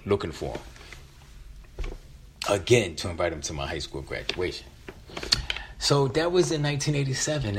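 A low, deep-voiced American man in his fifties, from West Philadelphia in the United States, tells a personal story as the featured storyteller. He speaks in a conversational, reflective way, often halting or repeating words. Noticeable background noise can be heard behind him.

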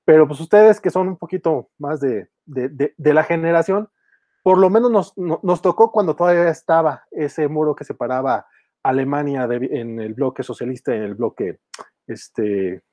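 A man's voice: a little high, normal speed, warm tone, no echo. A Mexican man on a podcast, casually retelling a comic story in a rambling way, full of restarts, fillers and chuckles.

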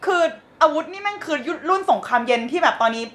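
A woman's voice: very high voice, lively intonation, fairly bright tone. A woman in casual political chat, blunt and sarcastic, with crude slang. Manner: writes articles, speaks in quick bursts.

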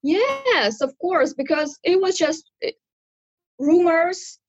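Her voice extremely high and sing-song, this Kazakh interview guest in her thirties speaks slowly in English on a video call. She hesitates and gropes for words while answering the casual interview's questions, in dull, echo-free audio.

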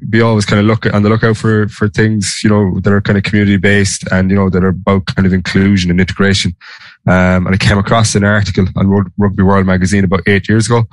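Irish guy with west of ireland accent, deep voice, kinda rambly interview chat, not much up and down. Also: dry recording. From Galway, west of Ireland. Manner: informal, hesitant, rambling explanations. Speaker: interview guest, sports organisation director. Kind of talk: conversational interview.

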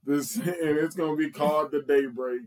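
A man's voice: on the high side, fairly even intonation, normal speed, a crowd in the background. A man co-hosting a podcast, recapping an anime episode in casual chat and laughing as he retells scenes. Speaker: podcast co-host.

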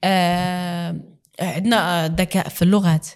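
A woman's voice: fairly low pitch, little pitch movement, normal speed. A woman with a Moroccan accent, a guest in a casual interview, speaking earnestly and mixing in French words.

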